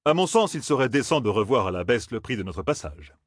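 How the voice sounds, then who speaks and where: A man's voice: mid-range voice, big pitch swings, brisk, husky, no room sound, clean studio sound, pitched above the performer's own voice. A man voicing a hardened, cold swordsman who speaks in a mocking, self-assured way. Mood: smug. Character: hardened gruff male swordsman, cold and sardonic.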